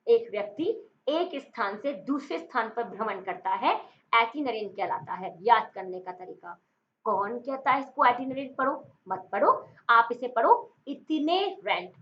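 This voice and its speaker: A woman teaches English vocabulary in a chatty, playful online lesson, mixing English words into her explanations. Her voice sits fairly high. The recording sounds dull and lo-fi. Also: a bit bright. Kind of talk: online exam-prep lesson.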